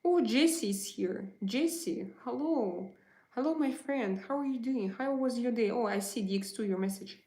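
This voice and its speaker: A woman with Russian as her native tongue and a matching accent hosts a casual livestream, talking with viewers and answering messages with plenty of hesitant fillers. Her voice is a little high yet dark in tone, at a normal speed, with a roomy sound.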